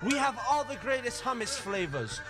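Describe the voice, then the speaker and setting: A man voicing a cheesy hummus shop owner in a mock radio ad, with a sing-song hard-sell pitch. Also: very animated, normal speed, over music. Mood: salesy. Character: over-eager hummus shop owner doing a radio jingle.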